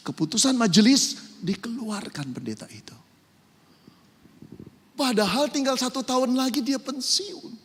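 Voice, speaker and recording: Animated man preaching in a hall. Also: high-pitched, breathy edge. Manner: animated preaching, swinging from loud emphasis to soft asides. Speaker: pastor. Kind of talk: sermon. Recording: echoey hall with long reverb.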